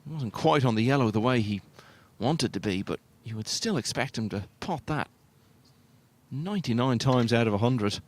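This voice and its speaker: Male snooker commentator, hushed and measured delivery, mid-range pitch, understated, analytical. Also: animated.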